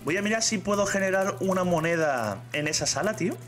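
A man's voice: high voice, a little fast, a bit bright, faint music behind. A man with a Spanish accent chatting casually on a live stream, reading chat aloud and saying "tío" a lot.

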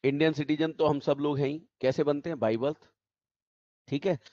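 Male teacher, online class, slightly high voice, repeats key points, dull dry video-call sound. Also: flat delivery, moderate pace, mellow, no room sound. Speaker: tax teacher.

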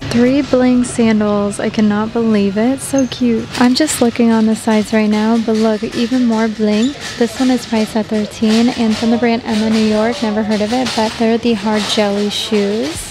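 A woman's voice: fairly high pitch, flat delivery, normal speed, hardly any pauses, over music, poor audio. A woman chatting to viewers in a casual shopping haul vlog, gushing as she goes. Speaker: shopping vlogger.

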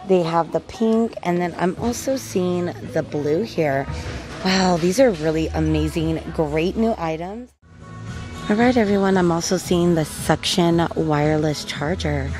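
Upbeat woman vlogger, slightly low voice, handheld phone in a store, faint background music. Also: darkish tone. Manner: chatty, upbeat, calls viewers guys. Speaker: shopping vlogger. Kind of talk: casual shop-with-me narration. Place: large retail store indoors. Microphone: handheld phone camera.

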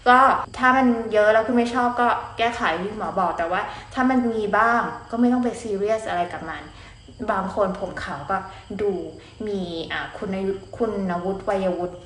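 A woman's voice: mid-range voice, moderate pace, a bit bright. A woman doctor hosting her channel, explaining skin and hair care in a chatty, polite way. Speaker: dermatologist host. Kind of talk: casual explainer talk. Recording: roomy echo, faint noise.

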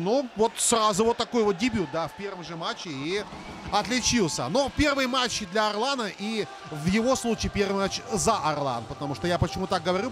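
A man giving live hockey commentary as the match is played. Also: high-pitched. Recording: clear arena noise behind. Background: noisy ice rink ambience.

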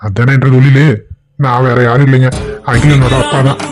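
A man voicing a greedy middle-aged village thief, gruff and boastful. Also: mid-range voice, level tone, normal speed, music in the background, lightly acted. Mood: scheming. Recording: dull lo-fi audio.

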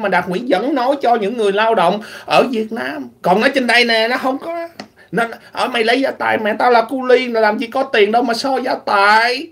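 A man from Vietnam, talking animatedly in a casual opinionated vlog, clearing his throat often. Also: extremely high pitch, a bit bright. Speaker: vlogger.

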